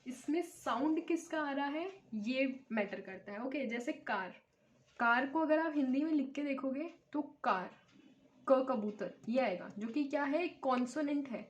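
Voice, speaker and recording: A woman's voice: high voice, lively intonation, measured pace. A woman teaching an English grammar lecture, explaining step by step and often checking with her students. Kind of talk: classroom lecture.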